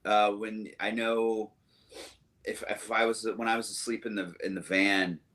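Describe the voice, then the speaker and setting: A man's voice: on the low side, flat delivery, a little slow, fairly bright tone. A young man from the Southern United States, a musician guest chatting in an interview, rambling fondly with many fillers and restarts. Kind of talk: casual interview chat.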